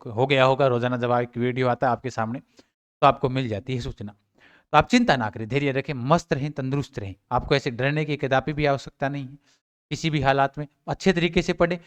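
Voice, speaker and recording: A man's voice: medium pitch, fairly bright tone, clean tone. A man giving exam updates to students in a casual teaching talk, asking his own questions and answering them.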